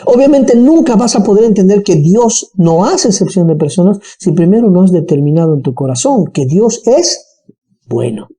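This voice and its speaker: A Bible teacher with a Bolivian highland accent, giving an animated Bible study lesson and checking in with listeners often. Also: normal speed. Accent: Bolivian highland (colla).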